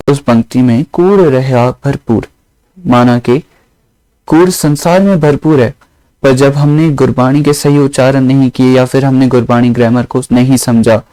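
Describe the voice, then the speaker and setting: A man teaching a lesson on the grammar and pronunciation of scripture, explaining slowly and repeating each point in other words. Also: mid-range voice, dark tone, dry recording, rough recording. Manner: slow, explanatory, repeats phrases with synonyms.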